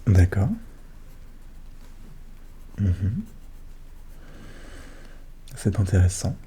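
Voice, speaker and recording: A man doing a soft-spoken, ASMR role-play as a psychologist, questioning gently and attentively in a hushed voice that drifts into speaks softly. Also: low voice, lively intonation, drawn-out words, slight background noise. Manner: gentle, attentive questioning with short murmured acknowledgements.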